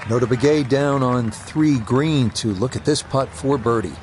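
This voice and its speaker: A man calling golf as a play-by-play commentator, in a measured, conversational broadcast style. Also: mid-range voice, darkish tone, a faint crowd, slight background noise, natural voice.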